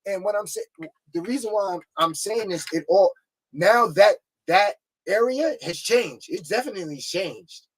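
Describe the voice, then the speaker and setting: A man's voice: high-pitched, animated, normal speed, husky. A man co-hosting a casual interview, asking long rambling questions full of fillers. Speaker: co-host.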